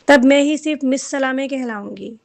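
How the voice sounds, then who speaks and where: A woman's voice: high voice, gravelly, darkish tone. A woman voicing a spoiled, scheming young woman who talks stubbornly and spitefully, in a storybook reading.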